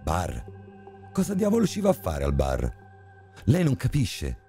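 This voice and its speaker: A man voicing a deranged old woman obsessed with occult magic, talking in a shrill, frantic, cackling way. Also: wildly swooping pitch, slow, gravelly, mellow, faint music behind, full character voice. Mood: manic.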